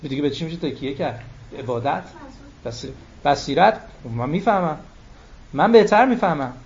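A man's voice: a little high, animated, a little hiss or hum. A man giving a religious sermon, emphatic, repeating key phrases and quoting Arabic texts. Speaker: cleric. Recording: dull lo-fi recording.

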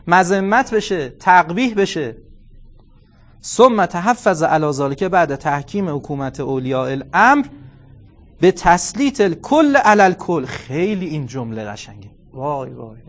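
Man, forties, religious lecture, fairly high voice, animated storyteller, acts out dialogue. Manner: animated, storytelling with reenacted dialogue and Arabic quotations. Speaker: cleric lecturer.

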